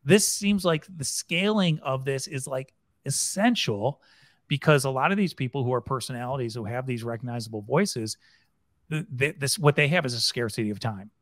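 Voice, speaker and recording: A man's voice: mid-range voice, normal speed, no room sound, clean studio sound. A man hosting a podcast panel, talking casually and steering the discussion toward his guests. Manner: conversational, steering the discussion with questions. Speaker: podcast host.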